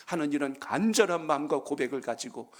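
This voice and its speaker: Brisk and lively in intonation, a slightly high-voiced man preaches a Friday prayer-meeting sermon from the church sanctuary. He's a pastor who draws amens from the congregation and slips in folksy humor.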